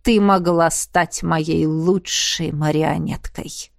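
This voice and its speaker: A woman voicing a sinister male elf mage in an audiobook, speaking slowly and coldly. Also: low-pitched, fairly even intonation, gravelly, no room sound, clean studio sound, voice pushed down, full character voice. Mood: contemptuous.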